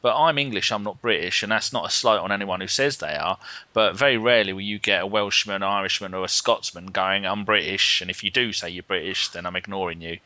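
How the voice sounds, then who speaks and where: Bright-voiced man listing football facts. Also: sits low, a little fast, no echo. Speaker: podcast co-host. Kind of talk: casual football chat. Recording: dull lo-fi sound, dry.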